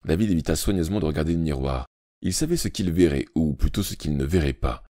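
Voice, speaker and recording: A man reading an audiobook aloud with expressive, dramatic storytelling narration. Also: rumbling low, fast, no echo, studio quality.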